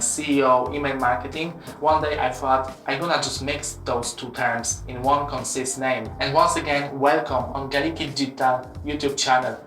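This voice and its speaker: A man in his late twenties from Poland, speaking English with a Polish accent as he earnestly tells his own story on his channel, pausing on frequent "uh" fillers. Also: medium pitch, a bit bright. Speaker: web developer and channel host. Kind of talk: personal story vlog. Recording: roomy echo from a distance with music.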